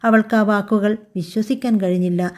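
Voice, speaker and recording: A woman narrating a scripted family drama story in a calm, even storytelling voice. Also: mid-range voice, fairly quick. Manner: calm, even storytelling voice that also reads all the characters' lines.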